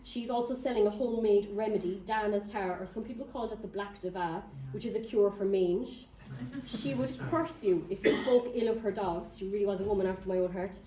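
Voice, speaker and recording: Speaking briskly in a mellow, medium-pitched voice, an Irish woman with a County Cork accent shares local history stories informally, wry and lightly funny. The mic is far off in an echoey room with an audience, catching slight background noise.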